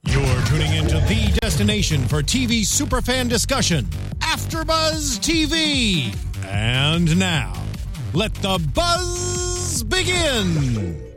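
Slow, dramatic announcer over loud music. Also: medium pitch, huge pitch swings. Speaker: station announcer. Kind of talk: promotional intro announcement.

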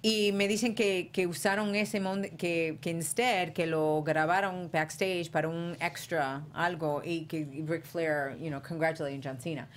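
Expressive woman hosting over background noise. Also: lowish voice, a little slow, hardly any pauses. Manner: code-switches between Spanish and English. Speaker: host of a wrestling talk show. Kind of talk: casual panel chat.

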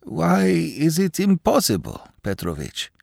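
A meek, flustered clerk, as a man puts him on, begging in halting scraps of speech. His voice climbs high and swings widely. The sound is dry and close. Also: huge pitch swings, vocal fry, darkish tone, no echo, exaggerated voice. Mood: pleading, flustered. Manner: halting, broken phrases. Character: timid stammering middle-aged male clerk, pleading.

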